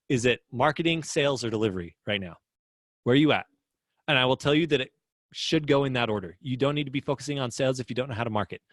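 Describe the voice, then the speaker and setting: A man's voice: mid-range voice, no room sound, studio quality. Upbeat male business coach on a livestream. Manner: chatty, upbeat, reads viewer comments aloud. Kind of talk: casual livestream teaching.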